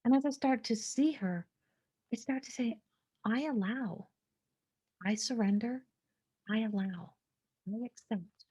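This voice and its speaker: A woman in her forties hosting a podcast, sharing a slow, introspective spiritual monologue that sometimes drops to a hushed whisper. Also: a little high, slightly rough. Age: 40s. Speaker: podcast host.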